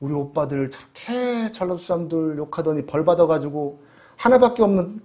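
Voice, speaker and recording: A man's voice: on the high side, animated, brisk, dark tone, lightly acted. A man voicing a middle-aged wife who teases and consoles her husband. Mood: teasing. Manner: teasing, consoling.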